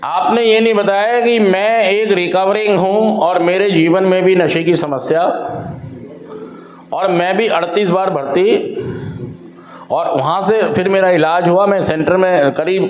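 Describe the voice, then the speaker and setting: A man's voice: high voice, moderate pace, roomy sound. A man, an addiction counselor, giving a motivational talk to rehab residents and firing rhetorical questions at them. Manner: animated, rhetorical questions to the audience. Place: drug rehab center.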